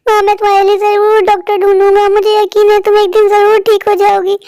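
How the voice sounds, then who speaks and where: A woman's voice: very high voice, completely flat delivery, quick pace, mellow, no room sound, clean studio sound. A woman voicing a timid, devoted young boy in a cartoon, speaking earnestly and pleadingly. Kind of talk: cartoon voice acting.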